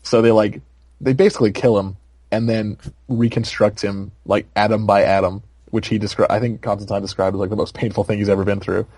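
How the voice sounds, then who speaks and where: A man's voice: on the low side, flat delivery, fairly quick, darkish tone, no echo. A young man co-hosting a podcast, chatting casually with lots of fillers and frequent laughter. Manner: rambling, filler-heavy, laughs often. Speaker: podcast co-host. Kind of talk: casual chat.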